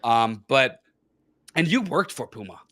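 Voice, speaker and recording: A man with a German accent, hosting a casual cultural Q&A and explaining at length with restarts, sometimes slowing down to spell words out. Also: medium pitch, very animated, crowd noise. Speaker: host.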